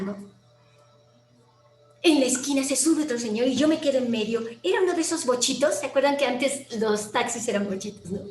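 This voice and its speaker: Animated Mexican woman telling a story. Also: on the high side. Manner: animated, acts out quoted voices, drops to near whisper. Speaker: guest. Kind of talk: personal storytelling. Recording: roomy with faint background noise.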